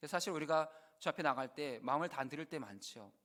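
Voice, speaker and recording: A male pastor preaching a sermon, earnest, rising to loud emphasis and dropping to hushed, quoted prayers. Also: fairly high pitch, expressive, quick pace.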